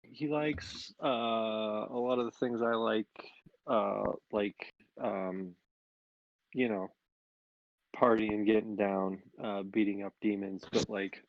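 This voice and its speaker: A man's voice: fairly low pitch, steady tone, slow pace, dry recording. Guy rambling thru his turn in a tabletop game, ums everywhere, muffled lo-fi mic. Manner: rambling, lots of likes and ums. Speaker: player. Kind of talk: casual tabletop game chat. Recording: dull lo-fi mic.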